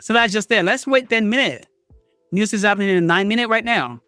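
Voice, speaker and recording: A man hosting a live trading stream, talking to viewers in an excitable way, swearing and thinking aloud, jumping between loud outbursts and low mutters. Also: brisk, no echo, soft background music. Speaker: trading livestream host.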